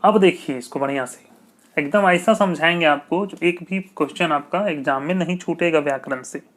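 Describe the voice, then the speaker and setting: A man teaching an exam-prep grammar lesson, repeating key points and asking checking questions. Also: fairly high pitch. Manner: slow, repetitive, asks checking questions.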